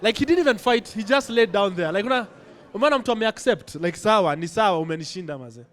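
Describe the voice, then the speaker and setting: On a club stage, this Kenyan man performs stand-up into a handheld mic, talking fast in a high-pitched voice with lively intonation. His set is conversational and crowd-teasing, mixing English and Swahili.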